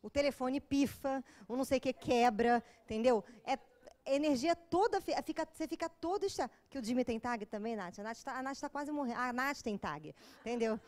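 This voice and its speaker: A woman's voice: sits high, animated, a little fast, darkish tone. A woman with a Brazilian Portuguese accent giving an informal, joking lecture to a live audience. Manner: joking, chatty, with acted asides.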